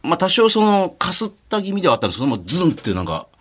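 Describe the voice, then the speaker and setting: A man co-hosting a radio talk show, telling stories in a lively way with many fillers. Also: high-pitched, very fast. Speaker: radio co-host, announcer.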